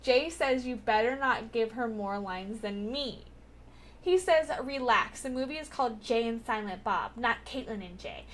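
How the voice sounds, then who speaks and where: A chatty young woman walks through a TV episode in a casual recap, her voice a little high. She giggles often and leans on filler words. She keeps an easy, unhurried pace. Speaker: TV recap vlogger.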